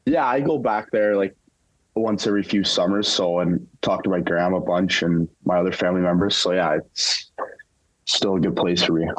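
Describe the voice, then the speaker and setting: A young man answering interview questions casually, in a relaxed, halting way with lots of fillers. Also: deep voice, rough recording. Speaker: interview guest, hockey player.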